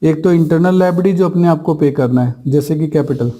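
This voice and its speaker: A male teacher walks through exam theory in a fairly high, mellow voice. He explains each point step by step and keeps asking rhetorical questions that he answers himself, with English terms dropped into the lecture. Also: a little fast. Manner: mixes English terms into Hindi. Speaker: commerce teacher. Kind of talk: exam-prep accounting lecture.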